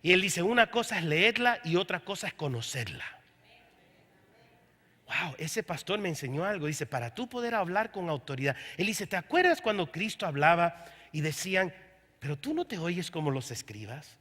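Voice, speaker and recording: A man's voice: high voice, very animated, normal speed, pushed and bright. A man preaching a sermon as pastor, telling his story with quoted dialogue. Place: church service. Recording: long hall reverb from a church room.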